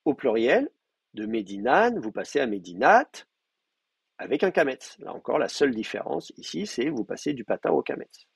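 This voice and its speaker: A man lecturing a class, explaining grammar step by step and slowly repeating word forms, with many hesitations. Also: medium pitch, sing-song, gravelly, slightly rough, no room sound. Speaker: teacher. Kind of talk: university lecture.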